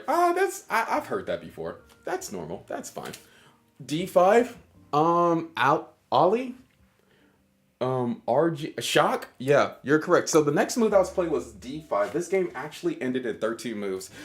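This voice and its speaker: This is a man, hosting a casual livestream chess lesson. He jokes with his chat and sounds hyper, and his pitch swings widely from line to line. Faint music plays behind him. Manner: animated, joking with chat, hyper. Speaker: chess streamer and teacher.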